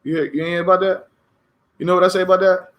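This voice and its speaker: A young man hosting a podcast, talking casually in a blunt, profane rant that bursts into shouting. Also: sits high, little pitch movement, quick pace, highs cut off. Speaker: podcast host. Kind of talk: unscripted casual monologue.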